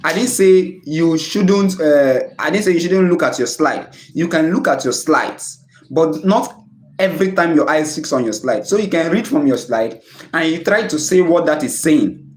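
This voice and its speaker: A man's voice: a little high, expressive, normal speed, reverberant. A man with a Nigerian English accent teaching students in a chatty live-stream lesson, often laughing at his own jokes and dropping in Pidgin phrases. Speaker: tutor.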